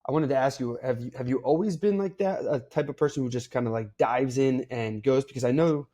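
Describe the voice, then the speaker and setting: A podcast host with a mid-range, brisk, warm voice chats casually with his guest. He's friendly, uses fillers, and asks open questions in this relaxed interview.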